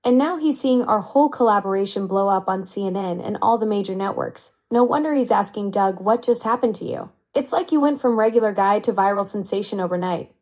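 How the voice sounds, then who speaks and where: A synthetic woman's voice of an AI chat assistant, upbeat and flattering with smooth, even delivery. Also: mid-range voice, fairly quick, hardly any pauses. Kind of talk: conversational AI reply.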